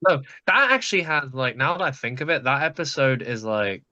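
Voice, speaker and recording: A man hosting a podcast, chatting quickly and casually with guests and laughing easily. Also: medium pitch, animated, bright, forceful tone, no echo, muffled recording. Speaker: podcast host. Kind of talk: casual chat.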